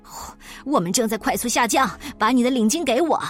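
A woman voicing a bold, excitable French balloon pilot who barks orders. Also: a little high, fairly quick, faint music behind. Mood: alarmed. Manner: brash, commanding.

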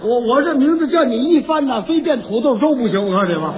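Brief: high, animated male comic foil, doubtful and stammering, old dull live recording. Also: fast, a little hiss or hum. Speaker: crosstalk comedian. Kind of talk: stage crosstalk comedy.

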